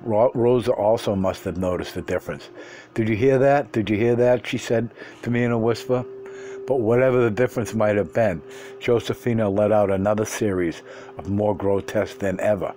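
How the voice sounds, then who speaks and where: A man reading a first-person story aloud, unhurried, sometimes stumbling and restarting words. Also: fairly low pitch, steady tone, warm tone, slight background noise. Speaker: reader.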